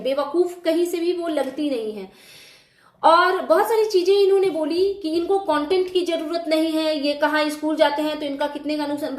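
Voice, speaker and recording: A woman's voice: high-pitched, echoey room. A woman hosting a reaction video, arguing indignantly and speaking straight to the person she criticizes in casual commentary. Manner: indignant, argumentative, addresses her target directly.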